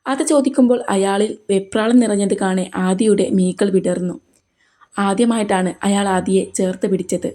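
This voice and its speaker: Brief: female storyteller, steady serial narration, mellow tone. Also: medium pitch. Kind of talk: reading a serial romance story aloud.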